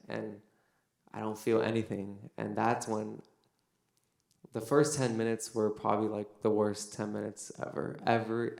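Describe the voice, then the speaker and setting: Young male speaker with a gravelly low voice, loose storytelling with lots of fillers, recorded in an echoey room. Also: a little mellow. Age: young adult. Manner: casual storytelling, many fillers. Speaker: son giving a testimony. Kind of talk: personal faith testimony. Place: university venue.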